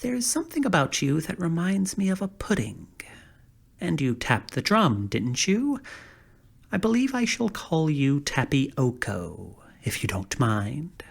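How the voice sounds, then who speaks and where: A woman's voice: low voice, big pitch swings, unhurried, gravelly, slightly rough, heavily acted. A woman voicing a cheerful, whimsical straw scarecrow in a dramatized audiobook, playful with whispery asides. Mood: musing.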